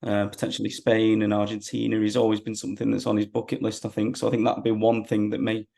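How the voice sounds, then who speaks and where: A man's voice: fairly low pitch, monotone, fast, creaky, dark tone. A man, chatting casually as a football fan being interviewed.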